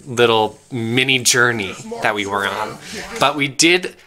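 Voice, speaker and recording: Over crowd noise, a young let's play co-host from Pennsylvania, USA, meanders through a story full of fillers while casually chatting during gameplay. His mid-range voice keeps a measured pace.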